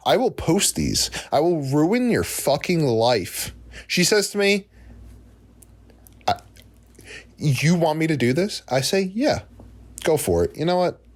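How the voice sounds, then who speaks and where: A man in his twenties from New Jersey, telling a comic story on a podcast and acting out the people in it. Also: mid-range voice. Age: 20s. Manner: animated, acts out quoted voices. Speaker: podcast host. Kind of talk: comedic storytelling.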